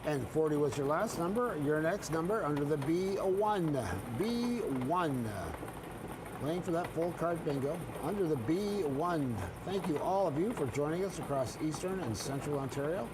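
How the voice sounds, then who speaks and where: Canadian guy doing bingo caller thing, kinda high voice, repeats every call, noisy background. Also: lively intonation. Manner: repeats each call in a measured, formulaic cadence. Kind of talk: bingo caller calling numbers on a live broadcast.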